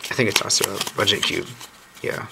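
Still hoarse after losing his voice, this cube channel host chats through an unboxing at a wooden table indoors, relaxed and thinking aloud with a bit of uncertainty. He speaks fairly quickly in a lowish voice. The home camera mic, framed on his hands on the tabletop, catches steady noise.

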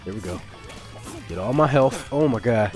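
Excitable swearing male game streamer. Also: medium pitch, normal speed, faint music behind. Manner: excitable, swearing, talks to himself and chat. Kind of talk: live gameplay commentary.

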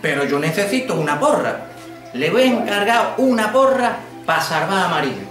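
A man lifts his voice into a brave, polite little village boy, earnest and eager. The voice is high and sits far from the mic in an echoey room. Music plays faintly behind it. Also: big pitch swings, normal speed, fairly bright tone. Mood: earnest, determined. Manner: earnest and eager, raised pitch.

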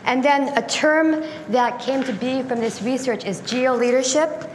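Slow-ish and high-voiced, a middle-aged woman from the US gives a slide lecture as a guest speaker in a conference room, with background noise present. Her conversational talk has plenty of ums and restarts. The recording uses a lectern mic, later a handheld one.

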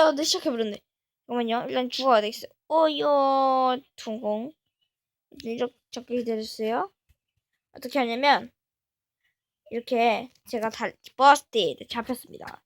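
A woman hosting a gaming channel, talking casually through a game step by step and breaking into excited exclamations. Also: on the high side, dry recording. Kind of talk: casual gameplay commentary.

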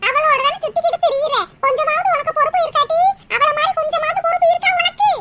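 A woman voicing a squeaky bossy mother-in-law. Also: fairly even intonation, quick pace. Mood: scolding. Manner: scolding, bossy. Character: bossy nagging older village mother-in-law. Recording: loud background noise.

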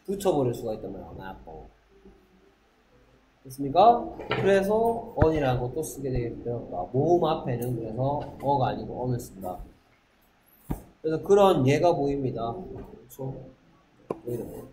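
A man teaching an English class, drilling pronunciation and quizzing students with quick rhetorical questions. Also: medium pitch, very animated. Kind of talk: classroom lecture. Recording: echoey classroom, faint noise.

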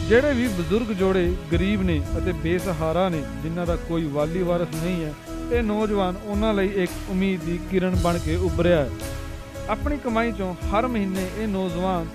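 A male reporter reading a scripted news story in an earnest, measured way. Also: high voice.

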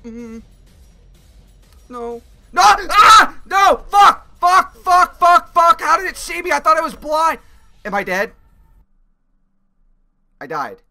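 Panicking gamer man yelling, sharp bright voice. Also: extremely high pitch, expressive, measured pace, vocal fry, faint music behind. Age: young adult. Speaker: gamer playing a horror game demo. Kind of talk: gameplay commentary.

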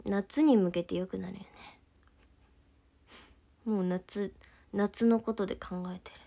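A young woman, congested and nasal from a stuffy nose, chatting casually on a livestream and answering viewers' comments, with soft murmured asides. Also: mid-range voice, fairly even intonation, measured pace, creaky. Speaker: idol livestreamer.

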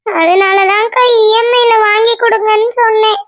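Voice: very high voice, fairly even intonation, moderate pace, fairly bright tone, no echo. Voice actor doing a hurt young cartoon wife, Tamil accent, pleading and teary, lo-fi dry sound. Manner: pleading, tearful. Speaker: cartoon character. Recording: dull lo-fi dry voice track.

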